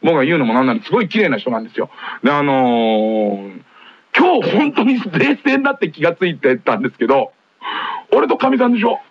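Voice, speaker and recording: A man hosts a late-night radio show, spinning rambling comic stories in a quick, husky, fairly high voice. His pitch jumps around constantly as he talks. The sound is dull and lo-fi, as if taped off the air. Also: sing-song. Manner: rambling comic storytelling with frequent laughs. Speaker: radio host. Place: radio studio.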